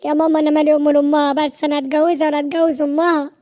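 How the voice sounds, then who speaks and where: A stubborn young cartoon man insists on getting his way, in an Egyptian Arabic accent, as a woman voices him. His voice is very high. He pleads and argues. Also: level tone, racing, dark tone, natural voice. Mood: insistent.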